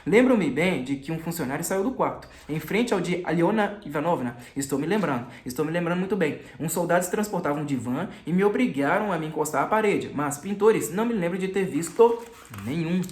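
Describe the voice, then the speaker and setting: A man's voice: a little high, expressive, brisk, lightly acted. Man voicing a curt, disdainful young student. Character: proud, tense young male student. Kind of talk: audiobook character voice. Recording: roomy echo.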